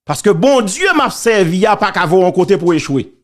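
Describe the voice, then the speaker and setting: A man with a Haitian accent talks in a fairly high voice, giving casual spoken commentary on church and politics. He is preachy and emphatic. He hammers his points home by repeating key phrases. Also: lively intonation, moderate pace.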